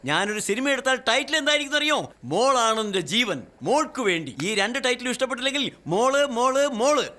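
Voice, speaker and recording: An actor playing a flustered, fawning comic guardian in a dubbed film, whining and fussing. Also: male voice, very high-pitched, lively intonation, fast, bright, forceful tone, exaggerated voice. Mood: blustering. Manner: fussy, flustered and whiny, fawning toward his boss. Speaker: comic side character.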